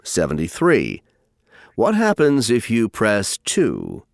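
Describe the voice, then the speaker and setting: A man reading scripted listening test instructions and questions in a formal, deliberate way. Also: fairly low pitch, huge pitch swings, vocal fry, no room sound, studio quality.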